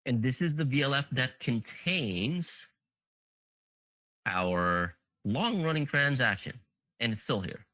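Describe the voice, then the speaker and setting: A man giving a conference talk, talking through a live demo as he goes. His voice is bright and forward, and it rises and falls a lot. The sound is dry and close, with no room echo. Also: medium pitch, big pitch swings, slow pace. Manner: thinks aloud, counts items on screen, frequent fillers. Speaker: conference presenter. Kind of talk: live technical demo walkthrough.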